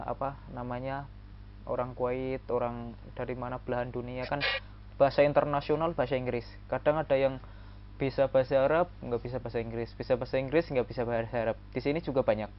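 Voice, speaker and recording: A male vlog host and migrant worker leads a casual interview, friendly and quick to chime in with short agreements. His voice sits in a middle pitch for a man. A faint hum lies under a muffled, lo-fi recording. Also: level tone. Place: in Kuwait.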